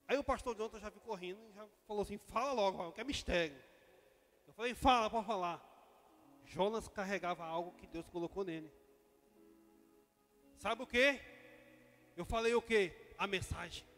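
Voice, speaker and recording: A Brazilian man preaching a sermon as vice-pastor, telling a personal story, swinging from loud outbursts to quiet asides. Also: sits high, moderate pace, pauses often, in a large hall. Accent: Brazilian Portuguese.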